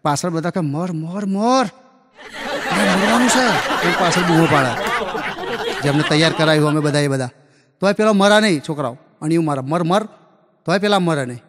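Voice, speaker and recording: High-voiced man telling folksy stage jokes. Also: fairly quick, very noisy. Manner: folksy anecdotal delivery, acts out dialogue. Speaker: stand-up comedian telling school jokes. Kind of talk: live stand-up storytelling. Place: live comedy stage before an audience. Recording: long hall reverb from a live show.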